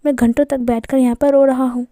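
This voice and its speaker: A woman's voice: sits high, level tone, fairly quick, dark tone, no echo, close to an everyday voice. A woman doing a sulky hot-tempered young man. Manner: pouting, accusing, petulant.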